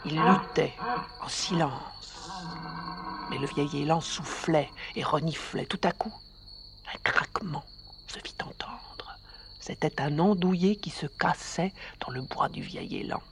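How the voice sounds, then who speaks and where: A narrator reading a story aloud for radio in a measured, expressive way. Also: medium pitch, vocal fry, in a whisper.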